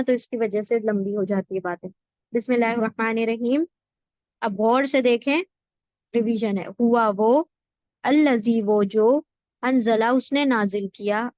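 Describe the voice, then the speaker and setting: A woman teacher with a fairly high voice talks very slowly and patiently, repeating each word so her students can follow. Her sound is close and dry, with almost no room around it. She breaks every meaning down step by step. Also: dry recording. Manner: slow, repeats words and meanings for drilling. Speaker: Quran word-by-word translation teacher. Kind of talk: patient classroom explanation with repetition.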